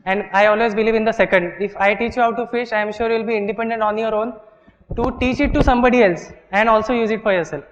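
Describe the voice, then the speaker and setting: A male workshop instructor with an Indian English accent teaches a class in a lecture hall, explaining step by step and checking in with "okay" and "right". He speaks quickly in a high voice with fairly even intonation. The recording is dull and echoey, with slight background noise.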